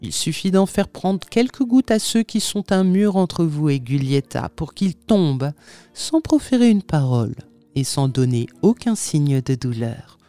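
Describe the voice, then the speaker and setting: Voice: mid-range voice, sing-song, a little slow, dark tone, no echo, faint music behind. A reader voicing a sly, mocking male tempter who speaks with unctuous, overly polite irony in an audiobook reading. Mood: silky, mocking.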